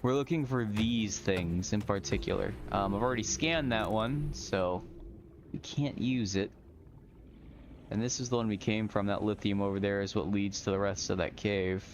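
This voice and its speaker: A man's voice: on the low side, moderate pace, a little hiss or hum. A man giving casual, chatty gameplay commentary, explaining things in colloquial language as he plays. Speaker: gamer hosting a modded survival game stream.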